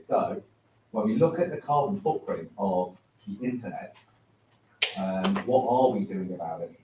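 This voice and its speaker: A man's voice: lowish voice, a little mellow. A man giving a casual, chatty talk at an event, joking and using fillers. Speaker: event speaker. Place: university studio hall. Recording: echoey hall from far off, noisy.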